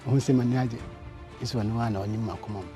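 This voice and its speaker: A man from Ghana talks in an interview in his local language. His voice is mellow and warm, and he chuckles between phrases. A faint music bed runs behind. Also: mid-range voice, fairly even intonation, racing.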